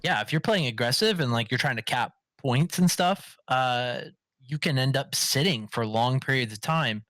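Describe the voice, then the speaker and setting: A man's voice: medium pitch, animated, moderate pace, a bit bright, no room sound. A man hosting a casual gaming podcast, rambling with many fillers and restarts. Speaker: podcast host.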